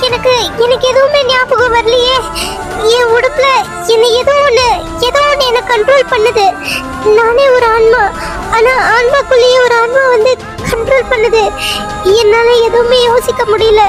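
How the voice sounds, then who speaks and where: A bewildered young ghost girl in a cartoon, played by a woman with a very high, thin voice. She halts and gropes for lost memories. A score plays clearly underneath. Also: steady tone, music in the background. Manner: halting, searching for memories. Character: lost female spirit, dazed and confused. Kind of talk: cartoon serial voice acting.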